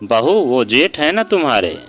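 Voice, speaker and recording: An old-fashioned mother-in-law who gently scolds her daughter-in-law, voiced by a male storyteller. Soft sitar music plays behind her. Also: medium pitch, big pitch swings, a little slow. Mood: scolding. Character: traditional older Indian mother-in-law.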